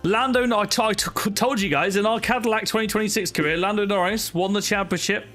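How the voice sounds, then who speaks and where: This young man's voice is high and a bit bright, and he talks fairly quickly. A sim racing streamer not from Wales, he chats casually on his live stream from home, greeting people by name with lots of fillers while music plays.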